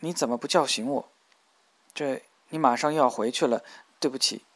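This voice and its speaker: A man voicing a tender, protective young man in an audiobook, speaking low and earnestly. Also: moderate pace, dry recording, natural voice.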